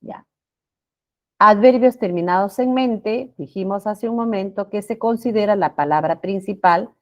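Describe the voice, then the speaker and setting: A woman's voice: medium pitch, a little slow. A woman teaching a class, explaining spelling rules patiently, repeating points, checking understanding with short questions and stretching out example words.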